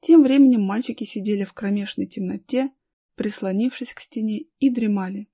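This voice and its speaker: A woman's voice: medium pitch, brisk, dark tone, husky, no echo, clean studio sound. Woman reading a children's story. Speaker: narrator.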